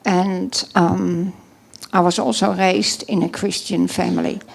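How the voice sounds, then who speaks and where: A middle-aged woman from the Netherlands, speaking with a Dutch accent and a gravelly medium-pitched voice, delivers a personal testimony in church. Her speech is halting, broken by many pauses and fresh starts.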